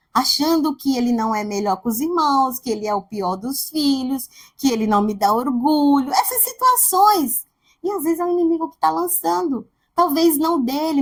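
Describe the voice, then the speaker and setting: A woman from Brazil preaching a sermon, telling a family story and acting out the quoted voices. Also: sits high.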